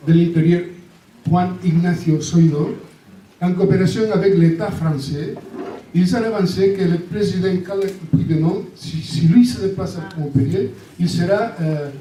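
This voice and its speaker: A man's voice: high voice, warm tone, recorded from a distance, slight background noise. Indignant Catalan man in an echoey hall. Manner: indignant, hesitant with repeated words. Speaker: audience member. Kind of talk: audience question. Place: large meeting hall.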